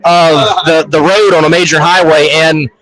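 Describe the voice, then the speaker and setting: A man's voice: fairly high pitch, fairly even intonation, normal speed, fairly bright tone, low-quality recording. A man hosting live on-site event coverage, chatty and upbeat, often repeating his phrases. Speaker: show host. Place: crowded shop fan fest.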